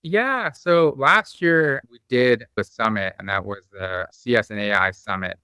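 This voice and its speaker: A man's voice: fairly low pitch, bright, forceful tone, no echo. A man who grew up in the Bosnia and Croatia area, a company founder talking as a guest in a podcast interview, explaining with enthusiasm and many fillers. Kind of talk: conversational interview.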